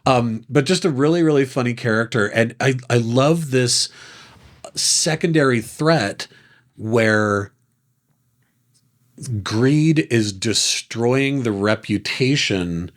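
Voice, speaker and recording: Animated man chatting about films. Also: medium pitch, takes it slowly. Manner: animated, acts out quotes in character voices. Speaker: podcast co-host. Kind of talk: casual film discussion.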